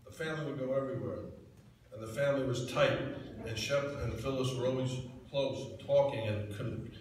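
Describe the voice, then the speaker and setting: A man's voice: medium pitch, a little fast, a little mellow, slight background noise. A middle-aged man from New Jersey giving a sincere, folksy acceptance speech full of stories. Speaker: hall of fame inductee. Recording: echoey banquet hall, distant mic.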